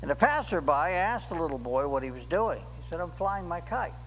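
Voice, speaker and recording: An older man preaching a sermon as pastor in a church, slow and deliberate, rising emphatically on key words, recorded at a pulpit microphone. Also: on the high side, very animated, a bit bright, big-room sound, soft background music, poor audio. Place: church sanctuary.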